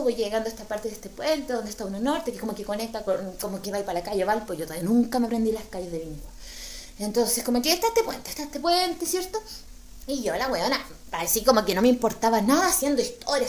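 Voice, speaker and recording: A woman with a Chilean accent telling a comic story, slangy and animated, acting out the voices in her tale. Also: a little high, reverberant. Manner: animated, slangy, acts out dialogue. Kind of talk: stand-up storytelling.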